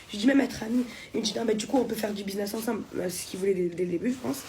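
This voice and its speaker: Fast-talking young woman telling a heated story. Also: mid-range voice, mellow, a little hiss or hum. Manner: fast, heated, acts out both sides of a quarrel. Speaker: content creator telling a story. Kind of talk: casual storytime to camera.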